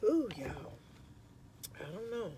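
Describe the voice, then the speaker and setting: A middle-aged man on his lunch break at work chats casually and ramblingly to viewers as a mukbang vlogger, sometimes talking with his mouth full. His voice is high, with big pitch swings and a slow pace. There is noise in the background.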